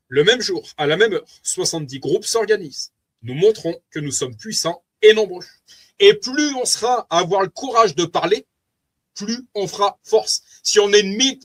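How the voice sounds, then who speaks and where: A man's voice: sits high, fairly bright tone. A man with a French accent giving an earnest, preachy spoken testimony, reading from notes and commenting aloud to his wife.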